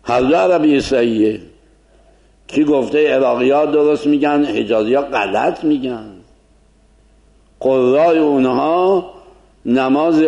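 Gravelly man lecturing a class. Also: medium pitch, darkish tone. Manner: conversational, explaining with rhetorical questions.

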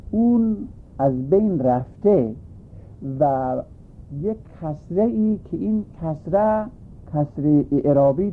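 A man teaching a grammar lesson, patiently explaining a text and repeating each point in new words. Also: a little high. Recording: tinny phone-like recording.

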